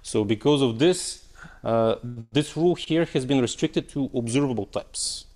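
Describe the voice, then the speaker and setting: A man's voice: mid-range voice, normal speed, darkish tone. A young man presenting at an academic conference and answering questions, talking in a hesitant way with many fillers and restarts, in a lecture hall. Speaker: conference speaker. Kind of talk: technical talk and Q&A. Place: lecture auditorium.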